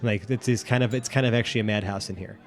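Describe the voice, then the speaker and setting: Male game master, mid-pitched, rambling scene descriptions with faint music underneath. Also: steady tone, fast talker. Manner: rambling, filler-heavy descriptions. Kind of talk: narrating a tabletop game.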